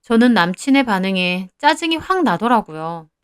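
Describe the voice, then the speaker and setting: A young woman narrating her own story in the first person, in an even, confiding way. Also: medium pitch, moderate pace, smooth, no room sound, clean studio sound.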